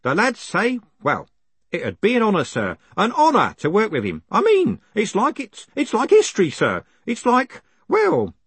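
A man's voice: high-pitched, wildly swooping pitch, normal speed, a bit bright, husky, no room sound, pitched above the performer's own voice, full character voice. A man voicing an eager, proud male postman who rambles and stumbles over his words. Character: eager talkative male postman, full of pride.

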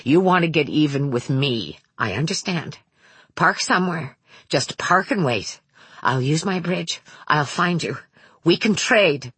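A woman's voice: low-pitched, animated, a little slow, a bit bright, husky, dry recording, full character voice. A woman voicing a desperate pleading mother. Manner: pleading, urgent.

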